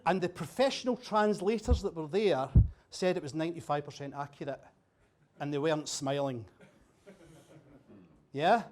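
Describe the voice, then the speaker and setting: Fairly high-pitched yet darkish in tone, this Scottish keynote speaker takes his time, leaving long pauses. His after-dinner talk at a venue with a bar is jokey and conversational, and he quizzes the audience along the way.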